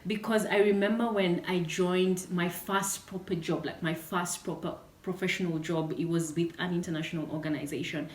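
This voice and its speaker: A woman podcast host with a fairly low voice speaks eagerly, quick to react with "wow". She sits back from the mic, so she sounds distant in an echoey room. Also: fairly even intonation. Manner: eager, with constant backchannel "wow" and "yeah". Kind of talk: conversational podcast interview.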